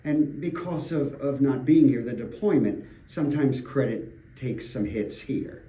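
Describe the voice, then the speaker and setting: A man's voice: mid-range voice, lively intonation, unhurried, warm tone. An older man, a realtor, talking earnestly in a radio studio interview, telling stories with emphatic repetitions. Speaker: realtor guest. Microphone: desk microphone. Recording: roomy studio, distant mic.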